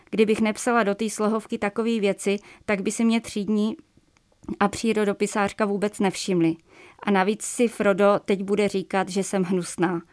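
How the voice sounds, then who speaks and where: A woman's voice: medium pitch, no echo, clean studio sound. Woman author reading her prose aloud. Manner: measured, even reading with small slips. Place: radio studio.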